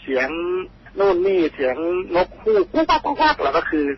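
A Thai man calling in to a radio show, telling a ghost story in a halting, earnest and polite way. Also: high voice, wildly swooping pitch. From Thailand. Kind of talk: phone-in storytelling. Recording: dull phone line with faint hiss.

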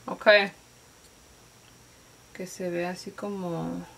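A woman talks through a makeup tutorial in a relaxed, chatty way, dropping in English words. She speaks at an unhurried pace. A faint hiss runs under the recording. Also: fairly low pitch, gravelly, poor audio. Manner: slangy, mixes English words, chatty and playful.

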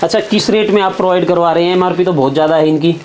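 A man's voice: sits high, rapid-fire, darkish tone, a little hiss or hum. A male vlogger touring a clothing warehouse, upbeat and full of praise, asking the seller questions. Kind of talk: casual shop walkthrough.

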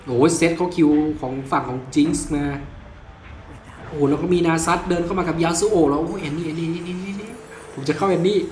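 A man with a slight cold giving excited voice-over commentary on his own gameplay, crying out in bursts and laughing often. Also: a little high, brisk, echoey room, a little hiss or hum. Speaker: gamer and video creator.

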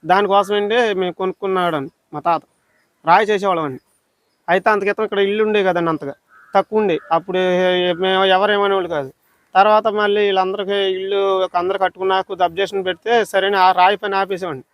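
A man's voice: high voice, steady tone, quick pace, fairly bright tone, dry recording. A man hurriedly recounting a dispute to reporters outdoors, agitated and quoting others. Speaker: complainant. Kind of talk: rapid account to reporters.

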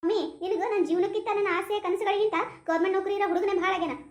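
A stubborn young woman in a cartoon, defiant and mocking, refusing a match in a North Karnataka Kannada accent, as a woman puts her on. Her voice is high and quick. Echo hangs around it. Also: steady tone. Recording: roomy echo.

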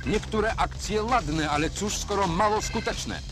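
A man's voice: high voice, a little slow. A man giving wry, matter-of-fact narration in the style of a 1970s newsreel. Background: loud music.

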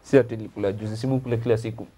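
A quick-talking young man with a Kenyan accent. His voice sits mid-range, and he banters casually as a co-host in short, slangy, repeated phrases. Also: medium pitch, steady tone, warm tone, a little hiss or hum. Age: young adult. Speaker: video show co-host. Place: small studio, seated at a table.

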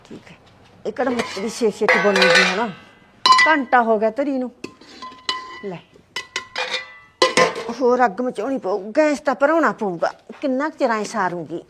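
A fretful, sighing mother-in-law in a village short film, played by a woman. She is kindly but worn down, and she speaks in a slightly high voice. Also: animated, normal speed, pauses often, very noisy, close to an everyday voice.

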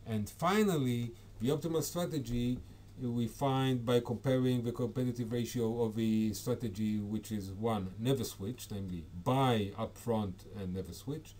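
A man's voice: mid-range voice, normal speed, a little mellow. A man giving an academic conference talk over slides, hesitant, with frequent fillers and self-corrections. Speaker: conference presenter.

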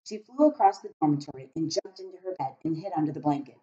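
The dull, lo-fi sound comes from a laptop webcam at arm's length as a middle-aged teacher reads a kids' story aloud. Her voice is low-pitched and her phrasing deliberate and expressive, in a small room at home beside a kitchen.

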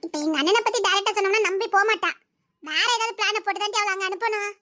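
A woman's voice: very high-pitched, fast, pushed and bright. A woman voicing a young village girl who teases and schemes with her friends. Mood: scheming. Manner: teasing, conspiratorial. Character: scheming teasing village girlfriends, young women.

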